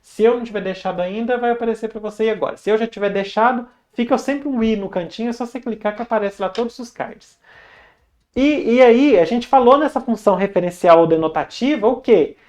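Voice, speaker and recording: A woman's voice: on the high side, a little fast. Chatty Brazilian teacher woman. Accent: Brazilian Portuguese. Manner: chatty, lively, talks straight to the viewer. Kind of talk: online grammar lesson.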